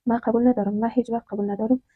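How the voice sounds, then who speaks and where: Defiant young woman, read by a woman narrator, fairly high voice, tinny phone-like sound. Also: little pitch movement, no echo, lightly acted. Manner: pleading and defiant. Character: distressed young woman forced toward marriage.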